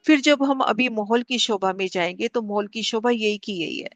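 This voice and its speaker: A woman leads a devotional lesson in a steady, guiding voice and says the important figures twice. Her voice sits at an ordinary middle pitch. The sound is close and dry, with no room around it. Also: normal speed, no room sound, faint music behind. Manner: calm, guiding, repeats figures for clarity. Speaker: spiritual class teacher. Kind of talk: devotional lesson explaining maps.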